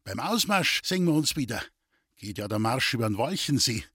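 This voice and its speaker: A man's voice: mid-range voice, big pitch swings, normal speed, bright, forceful tone, slightly rough, dry recording, studio quality, full character voice. A man voicing a proud, stubborn young soldier with a Bavarian accent, speaking eagerly and insistently. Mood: determined.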